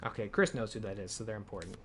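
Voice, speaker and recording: A man's voice: lowish voice, fast talker, fairly bright tone, slight background noise. A man streaming a video game, chatting casually, thinking aloud and correcting himself, and reading in-game documents aloud. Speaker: gaming streamer. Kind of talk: live gameplay commentary and reading in-game files aloud.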